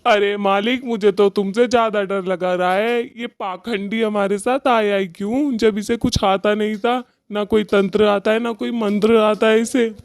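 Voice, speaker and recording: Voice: mid-range voice, steady tone, a little slow, hardly any pauses, no room sound, studio quality, lightly acted. A performer voicing a timid, obedient male watchman in a cartoon story. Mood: deferential. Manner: deferential, nervous.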